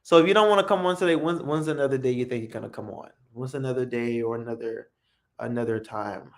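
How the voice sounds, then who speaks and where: A man whose first language is English, hosting a casual live practice stream and answering viewers in English and Spanish. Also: medium pitch. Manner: unhurried, friendly, answers viewer comments.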